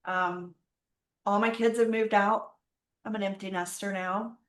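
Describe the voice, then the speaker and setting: A woman's voice: mid-range voice, fairly even intonation, measured pace. A middle-aged woman telling her story openly and reflectively in a casual conversation. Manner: open, reflective, faith-centered storytelling. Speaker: podcast guest. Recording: roomy echo.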